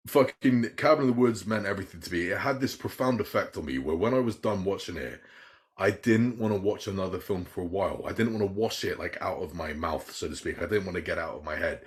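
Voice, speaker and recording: Brief: deep-voiced man, podcast host, excitable and rambling, swears often. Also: fairly quick. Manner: enthusiastic, rambling, swears a lot. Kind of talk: casual chat.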